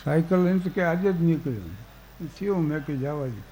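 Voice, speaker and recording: Older storyteller with mellow voice. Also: male voice, fairly high pitch, a little fast, low-quality recording. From Gujarat, India. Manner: folksy, anecdotal, quotes verse. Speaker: storyteller on stage. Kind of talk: humorous storytelling to a live audience.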